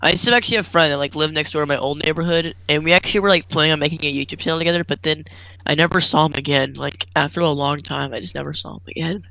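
A man's voice: a little high, fairly even intonation, racing, vocal fry, pushed and bright, dry recording, low-quality recording. A teenage boy co-hosting a casual podcast, rambling and laughing, with lots of "like.". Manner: rambling, laughs often, says "like" a lot. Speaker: podcast co-host. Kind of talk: casual chat.

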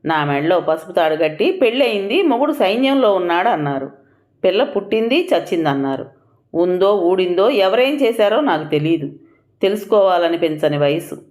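A woman narrating an audio story in an expressive, measured way. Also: fairly low pitch.

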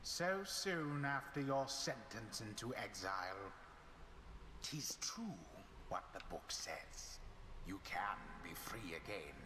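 An actor playing a stern, haughty overseer of sacred rites in a fantasy video game, speaking solemnly in formal, archaic words. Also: male voice, lowish voice, very animated, takes it slowly, background noise. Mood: grave, disdainful. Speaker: game narrator. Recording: echoing hall reverb, loud game music.

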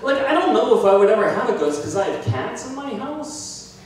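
An American man in his thirties does a self-deprecating, animated stand-up set in a small brick-walled bar, putting on voices for bits. His voice is very high and brisk, with crowd noise and audience laughter. He uses a handheld mic, and a phone in the audience records the echoey bar from far off.

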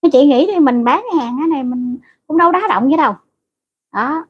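Blunt high-voiced woman. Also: fast, muffled recording. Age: middle-aged. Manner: blunt, scolding and crude toward commenters. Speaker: livestream host. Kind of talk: casual livestream chat.

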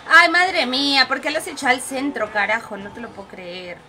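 A young Mexican woman with a Mexican Spanish accent streaming a game, excitable and giggly as she banters with her teammates. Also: mid-range voice, brisk, noisy background. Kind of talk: live gaming commentary.

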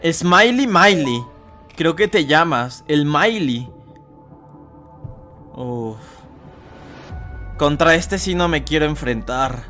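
A young man commentating a horror game as a let's player, talking to viewers and shouting at scares. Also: fairly high pitch, slow pace, pauses often, faint music behind. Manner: excitable, shouts and screams at scares, chatty asides to viewers. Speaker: gaming YouTuber.

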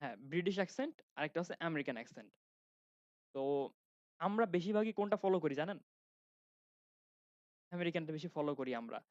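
A man's voice: fairly high pitch, lively intonation, a little fast, pauses often, no room sound. Young male teacher, Khulna Bangla accent, chatty classroom lecture style, dry and slightly dull recording. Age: young adult. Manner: chatty, asks students questions, restarts sentences. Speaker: grammar instructor.

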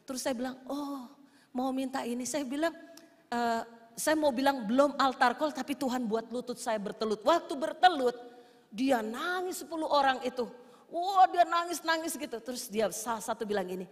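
A woman pastor preaching a sermon in a large church, telling stories that swing from hushed to shouted. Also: high-pitched, normal speed. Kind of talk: sermon with storytelling. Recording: long reverb of a church hall.

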